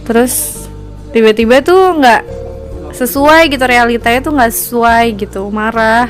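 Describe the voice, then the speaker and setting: A young woman co-hosting a casual chat podcast, speaking in a relaxed, thoughtful way with many fillers. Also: a little high, unhurried, faint music behind. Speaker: podcast co-host.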